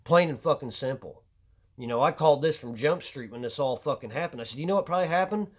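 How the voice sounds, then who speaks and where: A man's voice: fairly high pitch, expressive, quick pace. A man venting his anger in a crude, heavily profane monologue to camera. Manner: angry, crude and swearing heavily. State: short of breath at times. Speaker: vlogger.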